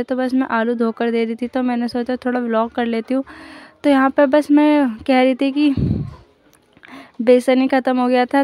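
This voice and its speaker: A young woman talks over her own vlog footage in a loose, rambling way, often opening with "so guys". Her voice sits fairly high but stays quite level, with little rise and fall as she goes. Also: darkish tone, no echo. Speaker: vlogger. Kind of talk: casual voice-over narration of a daily vlog.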